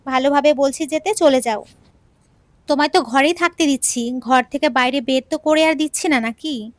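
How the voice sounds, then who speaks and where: A woman's voice: high voice, moderate pace, no echo, lightly acted. A woman voicing a smug, scheming young woman who taunts and orders around her rival in an audio story. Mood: bossy. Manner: taunting, mocking, commanding.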